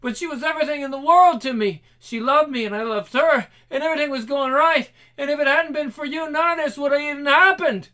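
A man's voice: extremely high pitch, brisk, hardly any pauses, bright, forceful tone. An actor playing a young man screaming with fury over his dead girlfriend in a video game scene. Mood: raging. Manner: screaming, furious, profane. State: shouting in rage. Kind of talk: video game cutscene acting.

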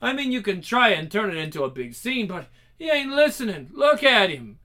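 An actor playing a hardened, profane crew leader with a British accent in a video game cutscene. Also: male voice, high voice, sing-song, normal speed, bright, forceful tone, exaggerated voice. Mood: blunt. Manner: blunt, profane, dismissive. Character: hardened gruff man, blunt leader of a crew.

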